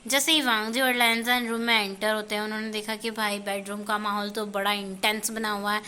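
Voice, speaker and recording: A woman narrating fan fiction as a lively storybook reading. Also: medium pitch, a little fast, slight background noise.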